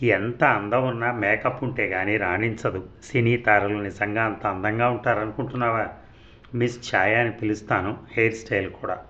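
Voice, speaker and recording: A man voicing a smooth, persuasive young male photographer who turns curt and commanding. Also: on the low side, fairly even intonation, moderate pace, bright, forceful tone, dull audio. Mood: coaxing. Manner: coaxing, then curt and commanding.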